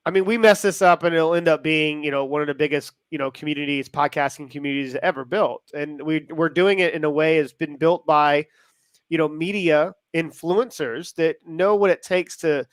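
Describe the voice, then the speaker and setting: A man with an American accent co-hosting a live show in casual, excitable, rambling talk that often interrupts itself. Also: fairly high pitch, normal speed, clear, resonant tone, dry recording. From United States. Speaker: show co-host.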